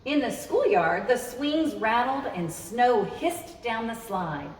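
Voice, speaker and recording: A woman reading aloud for children speaks slowly, her voice rising and falling with great liveliness as she expressively addresses the young listeners as storytime host. The sound is distant, noisy and echoing, as in a roomy space.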